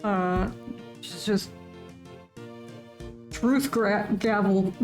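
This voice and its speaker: A woman's voice: fairly high pitch, fairly even intonation, unhurried, a little mellow, faint music behind. A woman streaming a game live, joking casually and reading its lines aloud in a plain voice.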